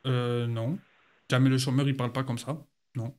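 A man's voice: medium pitch, flat delivery, normal speed, darkish tone. A man in his twenties from France, teasing strangers in casual live-stream chat with mock-grumpy banter. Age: 20s.

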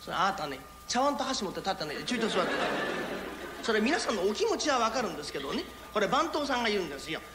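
A man plays a courteous tenement go-between with a smooth, patient way of explaining. The voice is high and quick. The recording carries echo from the hall. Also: big pitch swings, heavy background noise. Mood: soothing. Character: polite, well-mannered go-between, adult man.

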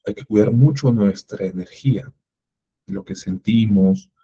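A man's voice: on the low side, unhurried, mellow, husky. A man teaching an entrepreneurship workshop, asking rhetorical questions and acting out little everyday dialogues. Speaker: workshop instructor. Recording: muffled lo-fi recording.

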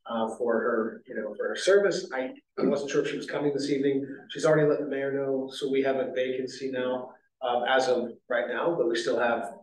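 A man's voice: medium pitch, fairly even intonation, a little fast, few pauses, darkish tone. A man chairing a city zoning board meeting, talking in a rambling way with many fillers and restarts. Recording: echoey meeting room, distant mic.

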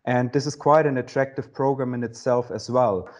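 A man's voice: medium pitch, fairly even intonation, normal speed, a little mellow. A man, a company CEO, outlining an event program on a video call with enthusiasm, listing names with "uh" hesitations. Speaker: guest, co-founder and CEO.

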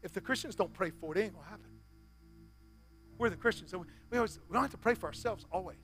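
A quick-talking pastor in his forties, his voice sitting high, preaches from a church stage with a little background noise present. He shifts back and forth between loud exhortation and hushed, whisper-like appeals.

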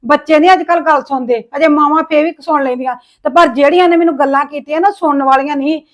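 Aggrieved high-voiced woman in a family drama. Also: fairly even intonation, fast talker. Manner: aggrieved, complaining, lamenting. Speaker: actor playing a widowed sister-in-law. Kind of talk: Punjabi family drama acting.

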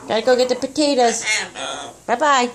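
A woman's voice: medium pitch, animated, measured pace, breathy edge. A woman in casual, giggly, sing-song pet talk, repeating phrases, on a handheld phone in a room at home. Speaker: pet owner talking to her parrot.

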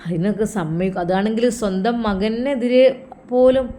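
A woman's voice: mid-range voice, moderate pace, dark tone, lightly acted. A woman voicing a scheming young daughter-in-law who mutters anxiously to herself in a Malappuram Malayalam accent.

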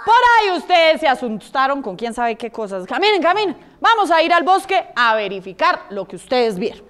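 A woman's voice: high voice, very animated, normal speed, a bit bright. A woman voicing a brave mother hen in a children's story, firm and scolding. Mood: determined.

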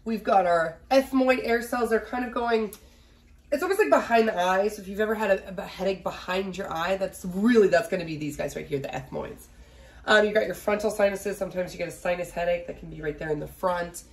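A woman in her thirties gives a casual recorded biology lecture from a small home office, her mid-range voice a little fast and slightly nasal from a cold. The instructor is chatty, uses fillers, and often asks "right?"

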